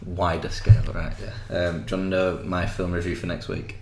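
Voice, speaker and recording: A man's voice: low voice, little pitch movement, brisk. A young man with a West Yorkshire accent, co-hosting a podcast in casual chat, swearing freely and laughing often. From West Yorkshire, England. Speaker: podcast co-host. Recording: echoey room with faint noise.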